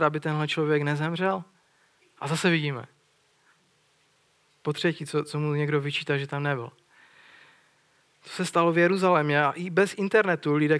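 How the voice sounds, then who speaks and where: A man's voice: on the high side, a bit bright. A man preaching a sermon in an earnest way, retelling a scripture story and putting questions to his listeners.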